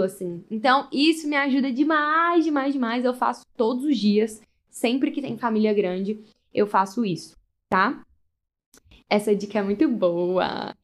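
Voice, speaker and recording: A young adult woman, a family photographer, chatting casually in a live session and acting out the lines of the people in her stories. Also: fairly high pitch. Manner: lively storyteller, acts out dialogue.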